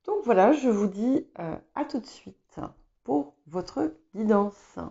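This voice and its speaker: A woman giving a spoken tarot reading, hesitant and filling pauses as she talks. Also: fairly high pitch, lively intonation, warm tone, muffled recording. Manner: hesitant, many fillers and restarts. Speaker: tarot reader. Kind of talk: casual spoken tarot guidance.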